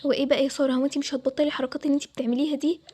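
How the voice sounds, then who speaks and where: A woman voicing a young groom who is caught in the middle and tries to calm things, with an Egyptian accent. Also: high voice, racing, lightly acted. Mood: scolding. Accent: Egyptian Arabic. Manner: placating. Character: young groom, torn and soothing.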